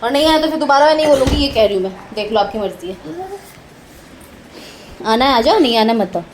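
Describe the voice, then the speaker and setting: A woman's voice: a little high, fairly quick, noisy background. A mother at home firmly scolding her child, giving stern commands over and over. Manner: stern, firm, repeating commands.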